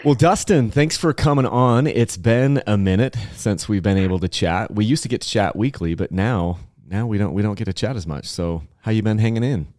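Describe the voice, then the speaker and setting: Podcast host, forties, male, low register, rambling casual delivery over faint music. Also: moderate pace, hardly any pauses, a little mellow, dry recording, studio quality. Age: 40s. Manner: rambling, many fillers and restarts.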